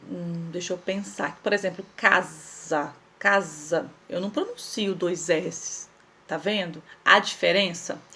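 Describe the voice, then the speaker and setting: Patient teacher drawing out words. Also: female voice, on the low side, fairly bright tone, a little hiss or hum. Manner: patient, explains slowly and spells things out, asks questions and answers them herself. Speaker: primary school teacher. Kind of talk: recorded remote lesson for children.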